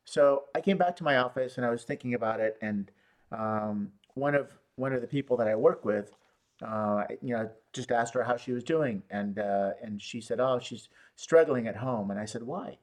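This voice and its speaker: A man who runs a law firm, telling stories in an interview, with lots of restarts and fillers. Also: medium pitch. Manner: halting, many restarts and fillers. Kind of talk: conversational storytelling. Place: San Luis Obispo area.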